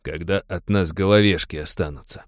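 A gruff, irritable pirate commander who grumbles his words low and curt, voiced by a man reading the story. The voice sits deep and is kept close and dry, with no room around it. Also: steady tone, normal speed, no room sound, close to an everyday voice. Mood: grumbling.

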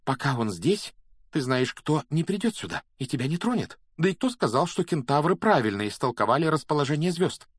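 Storybook schoolgirl, high and earnest, anxious but reassuring, voiced by a male reader. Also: big pitch swings, brisk, husky, no echo, clean studio sound.

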